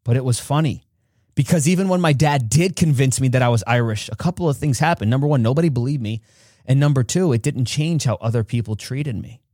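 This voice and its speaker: A man hosting a podcast, telling a personal story in an earnest way and acting out quotes with big jumps in pitch. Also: brisk, warm tone, no room sound, clean studio sound. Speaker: podcast host.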